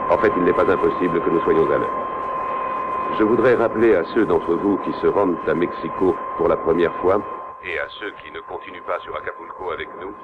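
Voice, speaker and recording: An airline captain speaking over the cabin loudspeaker, measured and courteous as he addresses the passengers. His low voice comes through thin and phone-like. Heavy hiss sits under the announcement, as on an old tape. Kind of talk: dubbed TV film acting. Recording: tinny, noisy old VHS dub.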